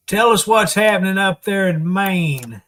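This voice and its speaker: A man with a Southern US accent hosts a casual live stream. His voice sits a little high for a man and moves in a slow, unhurried drawl. He chats with viewers in a folksy, teasing way. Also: animated, a bit bright. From Arkansas, United States.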